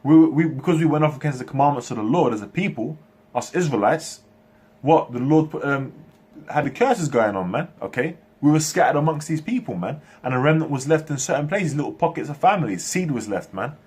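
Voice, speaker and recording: A man from Turkey, raised in England, preaching a monologue in halting bursts and tagging nearly every phrase with "man" or "okay". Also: on the high side, lively intonation, darkish tone, husky. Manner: halting, frequent restarts. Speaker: religious speaker.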